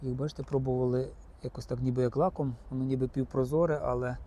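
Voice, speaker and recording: Male car vlogger, warm mellow tone, chatty and direct with viewers, outdoor lot. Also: medium pitch, flat delivery, fast. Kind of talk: casual on-the-spot car inspection vlog. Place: outdoor used-car market.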